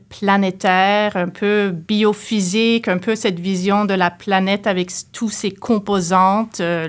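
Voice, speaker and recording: A Canadian woman professor speaks as a guest in an academic interview. She talks thoughtfully and hesitantly, with frequent pauses and fillers. Her voice sits at a middle pitch.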